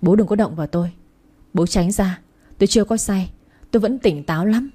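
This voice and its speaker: A woman voicing a drunk, heartbroken young man who slurs his words and lashes out bitterly, with a husky, dark voice. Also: medium pitch, a little fast, close to an everyday voice. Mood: defiant. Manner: slurred bitter shouting.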